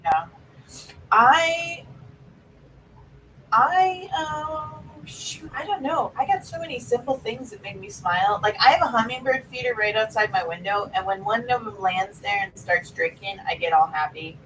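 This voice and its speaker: A woman's voice: fairly high pitch, unhurried, fairly bright tone, recorded from a distance, a little hiss or hum, rough recording. A woman co-hosting a casual chat over a video call, rambling and hesitant with lots of fillers. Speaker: co-host.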